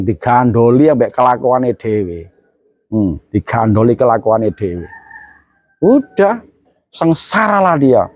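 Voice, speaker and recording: A man's voice: medium pitch, darkish tone, dry recording, muffled recording. A man giving a religious sermon as a teacher, telling his story vividly and dramatically with many hums.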